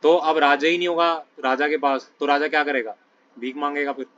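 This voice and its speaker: A man's voice: a little high, fairly even intonation, fairly quick, fairly bright tone. A man explaining scripture to a study group in a conversational way, often checking in with listeners between phrases. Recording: dull lo-fi sound with faint noise.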